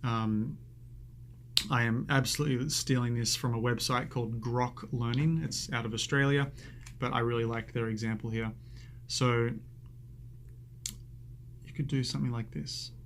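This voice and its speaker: A man's voice: mid-range voice, steady tone, moderate pace, pauses often, a little hiss or hum. A man teaching a coding lesson over a screen recording, chatty and self-amused, thinking aloud as he types.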